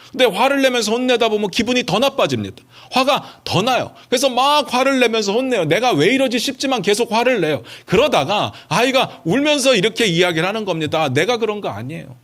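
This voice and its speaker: A man's voice: high voice, fairly bright tone. A man preaching a sermon as pastor, talking to the congregation in a conversational way with many rhetorical questions and short acted quotes.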